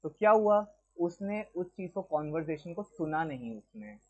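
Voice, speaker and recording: Male teacher, raised pitch, quizzes the room in mixed Hindi and English, muffled lo-fi classroom recording. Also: expressive, normal speed. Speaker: lecturer. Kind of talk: classroom lecture. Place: classroom with a board.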